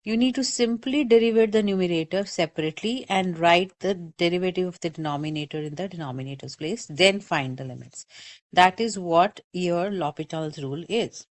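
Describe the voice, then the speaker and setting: A woman teaching calculus in a recorded lecture, with a slightly low voice. She is patient and methodical, repeats her warnings and checks in with students as she goes. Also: moderate pace. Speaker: math teacher.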